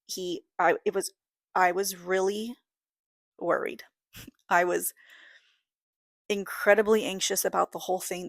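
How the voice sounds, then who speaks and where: A woman's voice: on the low side, fairly bright tone, dry recording, clean studio sound. A woman in her thirties hosting a casual solo podcast, talking in a rambling, candid way that often breaks off and restarts. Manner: rambling, self-interrupting, candid. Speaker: podcast host.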